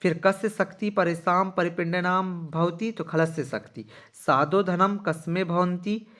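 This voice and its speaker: A man's voice: high voice, a bit bright. Man explaining a lesson to children. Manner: reads verses slowly then explains quickly, addressing children directly. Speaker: teacher. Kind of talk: casual classroom explanation.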